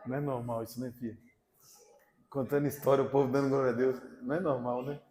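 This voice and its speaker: A young man with a Brazilian Portuguese accent, preaching a live sermon to a congregation as an animated, humorous storyteller who swings between loud and hushed. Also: mid-range voice, fast. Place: church before a congregation.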